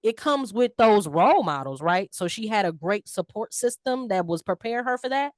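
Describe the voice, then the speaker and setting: Woman co-host, animated and slangy, dry close sound. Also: medium pitch, moderate pace, no room sound. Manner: animated, slangy, playful voices for players. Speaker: podcast co-host. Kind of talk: casual sports chat.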